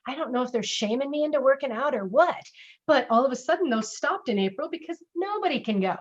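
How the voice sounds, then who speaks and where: Middle-aged female trainer, higher voice, animated and conversational, muffled webinar sound. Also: fast. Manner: lively, conversational, acts out sample lines. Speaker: speaker and customer service trainer. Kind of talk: casual webinar teaching.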